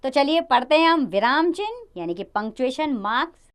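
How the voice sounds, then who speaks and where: A woman teaching a grammar lesson to children, lively, stressing key words and dropping low at the ends of sentences. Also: moderate pace.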